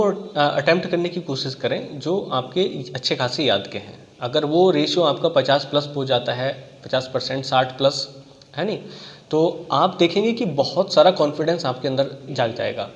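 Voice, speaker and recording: A man's voice: a little high, long reverb tail, lo-fi sound. A man coaching students on exam strategy in a conversational way, stopping often to check that they follow and walking through examples. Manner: conversational, repeats "theek hai" and talks through examples.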